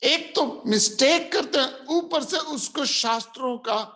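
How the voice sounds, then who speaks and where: A man giving a spiritual discourse as a teacher, telling a folk tale and repeating phrases deliberately for emphasis, slipping English phrases into his talk. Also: extremely high pitch, sharp tone. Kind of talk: spiritual discourse with a storytelling aside.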